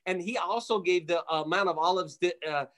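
As a radio guest, a Jerusalem man from an Armenian family preaches with fervor in conversational interview style, repeating phrases to hammer home his points in an emphatic, exhortatory way. His voice sits high and is a bit bright, and he talks a little fast.

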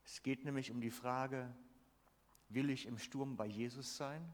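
Preacher in a reverberant church hall. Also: male voice, mid-range voice, fairly even intonation, unhurried. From Switzerland. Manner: emphatic, asks the congregation questions. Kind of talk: sermon.

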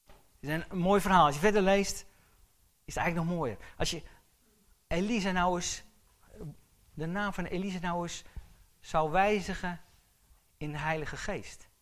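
A man's voice: sits high, normal speed, long pauses. A male pastor delivering a sermon, asking the congregation questions and building to urgent, emphatic exhortation.

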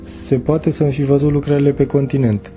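A man's voice: mid-range voice, level tone, mellow, faint music behind, voice pushed up, close to an everyday voice. A man doing a young German artist, earnest and lecturing.

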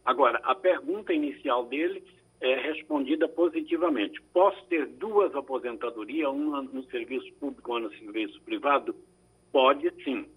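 In a radio studio, a lawyer on a Brazilian call-in show answers listeners' questions in a measured, explanatory way, often tacking on tag questions. His mid-range voice is husky, and the audio sounds narrow and tinny.

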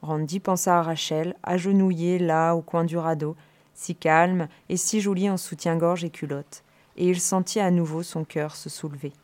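A woman reading a novel aloud in steady, measured storytelling. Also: fairly low pitch. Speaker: reader.

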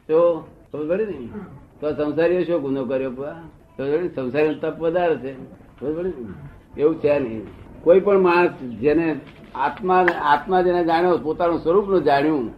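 Lo-fi recording of a man giving a spiritual discourse. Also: a little high. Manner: asks listeners again and again if they understood. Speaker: spiritual teacher. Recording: dull lo-fi old recording with faint hiss.

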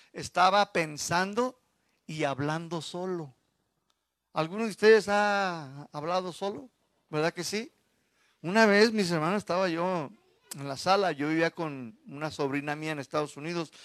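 A middle-aged pastor with a high, ringing voice preaches with fervor. His delivery surges into loud exhortation, then sinks into quiet, confiding asides, all heard dry and close with almost no room around it. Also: no room sound. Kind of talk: sermon. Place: church.

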